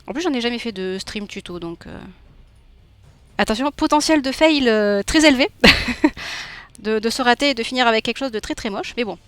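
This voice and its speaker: Her fairly high voice is animated and brisk, recorded with no echo. This young streamer and illustrator from Nîmes, with a southern French accent, draws on a live stream and chats casually with her viewers, laughing often. She is warm and chatty and reads chat messages aloud.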